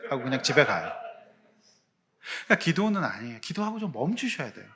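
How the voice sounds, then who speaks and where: Animated, bright-voiced male pastor preaching. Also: medium pitch, fast. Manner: animated preaching, swinging from loud emphasis to hushed prayer voices. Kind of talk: sermon.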